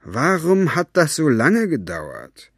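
A man voicing a bored, menacing gang boss who speaks slowly and quietly. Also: on the high side, huge pitch swings, dry recording, studio quality, voice pushed up, heavily acted. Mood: impatient.

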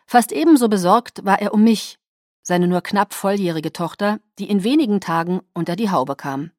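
A woman narrating an audiobook in first person, steady and measured, at a middle pitch. The recording is close and dry, with no room sound. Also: dry recording. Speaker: audiobook reader.

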